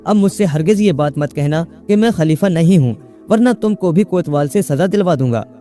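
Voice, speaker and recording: A man's voice: a little high, lively intonation, normal speed, soft background music, lightly acted. Man voicing a furious young man playing caliph. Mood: imperious. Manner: commanding, shouting, indignant. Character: young man, deluded he is caliph, imperious and angry.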